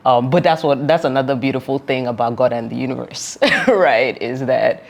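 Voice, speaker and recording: A Nigerian founder speaks as an interview guest in a rumbling low, creaky voice at normal speed. Telling reflective stories earnestly, she laughs often and keeps saying "like" and "you know."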